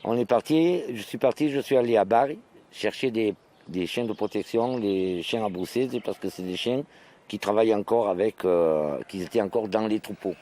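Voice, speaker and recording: Mellow-voiced man, a sheep farmer, speaking haltingly. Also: fairly low pitch. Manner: halting, repeats phrases. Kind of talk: spontaneous interview testimony. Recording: noisy outdoor location recording. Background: bleating sheep and outdoor ambience.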